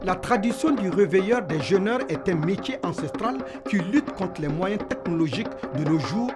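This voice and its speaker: High-pitched man narrating over music. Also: expressive, normal speed. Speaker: reporter narrating a cultural feature. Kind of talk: scripted documentary narration. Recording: music behind the voice.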